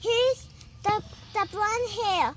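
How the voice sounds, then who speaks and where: A young speaker telling a story haltingly, repeating and restarting words. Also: female voice, extremely high pitch, noisy background.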